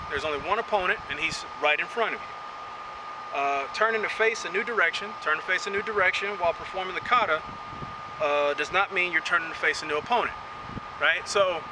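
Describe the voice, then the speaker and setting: This is an outdoor karate lesson led by a man with a high voice and native English, who talks casually and keeps tacking on "right?". Wind gusts and passing cars come through on the faraway microphone.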